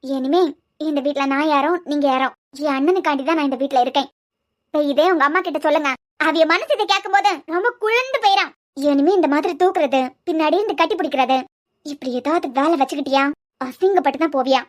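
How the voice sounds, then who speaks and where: A woman's voice: sits high, fast, natural voice. A woman voicing a proud young wife in a cartoon series who fiercely defends her family, lecturing and defiant, with a Kanyakumari Tamil accent. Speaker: cartoon character. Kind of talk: cartoon web series dialogue.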